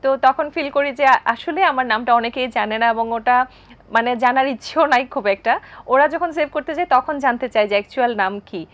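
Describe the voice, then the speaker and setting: A woman appearing as a guest on a talk show, telling stories about her life in a brisk, anecdotal way. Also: high-pitched. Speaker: content creator guest. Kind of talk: talk show interview answers.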